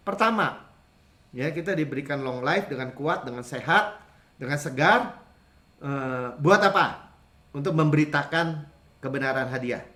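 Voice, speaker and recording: Animated high-voiced man preaching. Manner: lively conversational preaching, acts out quoted voices. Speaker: pastor. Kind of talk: sermon.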